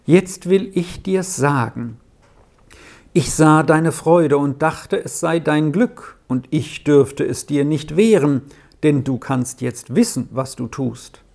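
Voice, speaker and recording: A reader doing a gentle, soothing mother. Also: medium pitch, vocal fry, exaggerated voice. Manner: soft, reassuring. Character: gentle, loving mother, calm and tender. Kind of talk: audiobook reading.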